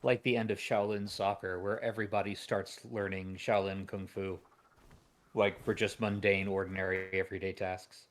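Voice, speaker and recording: A man's voice: low-pitched, little pitch movement, normal speed. A man bantering casually as co-commentator on a game stream, with a dry, wry delivery.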